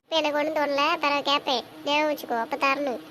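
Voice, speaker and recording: Woman, high voice, fast talk, teasing older sister, faint background noise. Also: flat delivery, a bit bright, low-quality recording. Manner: quick, teasing, bossy older-sister banter. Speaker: elder sister. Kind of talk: amateur web drama acting.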